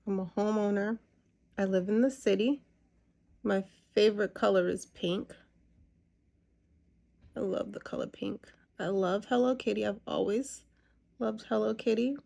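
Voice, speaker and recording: This woman in her thirties talks through her makeup routine in an unhurried, gravelly voice of medium pitch, dark and steady. She rambles casually, pausing often and filling gaps with ums.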